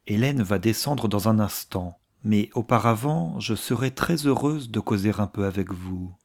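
A man reading a novel aloud, voicing an effusive, gossiping older aristocratic woman with theatrical, hushed asides. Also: lowish voice, lively intonation, normal speed. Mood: gushing.

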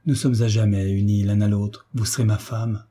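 A man's voice: lowish voice, flat delivery, moderate pace, dark tone, breathy edge. A man voicing a fervent young duke. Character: young duke, passionate and fierce.

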